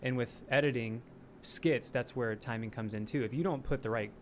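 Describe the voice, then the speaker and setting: A man in his late twenties, a sketch comedian talking casually as a podcast guest, animated and swearing freely. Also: medium pitch, moderate pace, a little hiss or hum. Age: late 20s. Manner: animated, swearing, laughing often.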